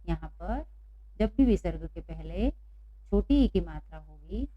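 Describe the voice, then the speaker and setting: A woman's voice: lowish voice, lively intonation, slow, warm tone. A woman teaching a lesson to children, patiently asking questions and repeating the answers. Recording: dull, dry lo-fi recording.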